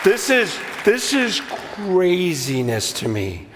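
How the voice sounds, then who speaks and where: A man in his fifties preaching, telling a story animatedly, dropping to a hush and then rising to a shout. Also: high voice, takes it slowly, crowd noise, background noise. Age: 50s. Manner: animated, swings between hushed and shouting. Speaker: pastor. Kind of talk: sermon storytelling. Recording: long reverb of a large hall.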